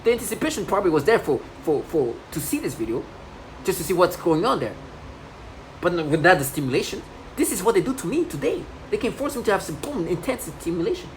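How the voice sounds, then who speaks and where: A woman's voice: fairly low pitch, very animated, fast. A woman in her thirties in a rambling personal monologue, agitated and repetitive, with many restarts. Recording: noisy home recording.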